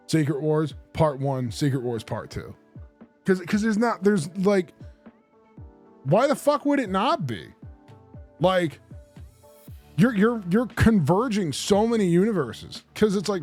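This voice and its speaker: A man's voice: on the high side, darkish tone. A young man streaming a game, chatting casually in a profane, ranting way. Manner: profane, ranting about comic book movies. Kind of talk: casual chat while gaming.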